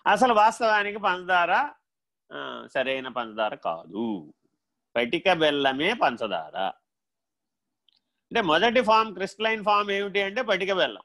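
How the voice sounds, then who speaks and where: Animated male spiritual teacher, higher voice. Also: unhurried, long pauses. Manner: animated, swings between loud questions and low quiet asides; acts out dialogue in his own voice. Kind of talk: spiritual discourse.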